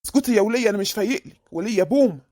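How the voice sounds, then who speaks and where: A woman's voice: medium pitch, animated, racing, mellow, no echo, close to an everyday voice. A woman voicing a scheming middle-aged married man in a comic cartoon, with an Egyptian accent and a sweet-talking, evasive manner. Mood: grumpy. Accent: Egyptian Arabic.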